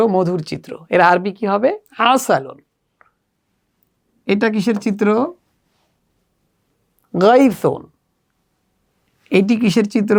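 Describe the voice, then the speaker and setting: A woman's voice: mid-range voice, gravelly, a little mellow. A woman with a Bangladeshi accent teaching children Arabic letters step by step, stretching and repeating each sound. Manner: slow, drawn-out pronunciation drills, repeating letters. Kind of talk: step-by-step lesson.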